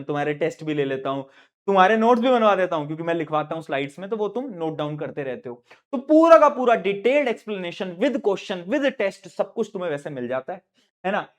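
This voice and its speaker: Animated high-voiced Indian male teacher. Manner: animated, asks and answers his own questions. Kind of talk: energetic study-advice talk to students.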